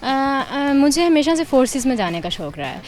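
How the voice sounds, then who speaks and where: A young woman university student who answers questions and recites a poem in a measured, expressive way. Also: high voice, faint music behind. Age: young adult.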